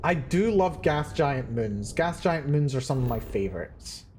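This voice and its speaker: A let's play streamer sits indoors playing a video game, giving live commentary and casually drifting onto tangents. His medium-pitched voice is animated, unhurried and slightly mellow, with a little hiss or hum in the recording.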